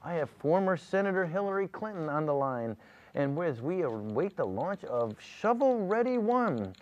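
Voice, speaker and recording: A man playing a TV news anchor in a parody newscast, halting and stammering in his delivery. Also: on the high side, big pitch swings. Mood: excited reporting. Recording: slightly dull, lo-fi audio.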